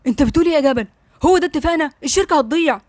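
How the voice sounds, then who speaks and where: A woman's voice: high-pitched, animated, very fast, a little mellow, no echo, pitched above the performer's own voice. A woman doing an urgent, fretful young businessman. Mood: worried. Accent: Egyptian Arabic. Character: loyal, worried young businessman.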